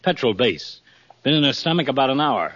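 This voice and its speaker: An actor playing a calm, businesslike police lieutenant in a 1950s radio crime drama. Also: male voice, medium pitch, brisk, breathy edge. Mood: matter-of-fact. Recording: muffled old radio broadcast.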